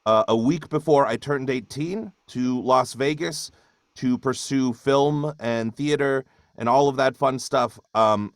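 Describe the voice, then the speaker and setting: Relaxed rambling man from Hawaii. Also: medium pitch, no room sound. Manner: relaxed and rambling, with frequent fillers and restarts. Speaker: voice actor guest. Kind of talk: casual webinar talk.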